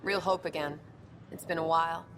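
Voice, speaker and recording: No-nonsense soldier aide, lowish voice, noisy game audio. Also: female voice, steady tone. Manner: brisk, commanding. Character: brisk female military aide.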